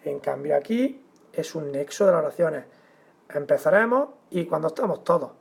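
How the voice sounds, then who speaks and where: A man teaching a grammar lesson, explaining at a measured pace and stressing the example words. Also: on the high side, animated, creaky, breathy edge.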